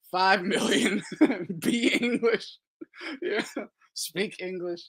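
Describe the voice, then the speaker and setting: A man's voice: high voice, extremely slow, fairly bright tone, slightly rough. A man hosting a boxing talk show, ranting casually, laughing often and swearing freely. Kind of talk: casual profane rant.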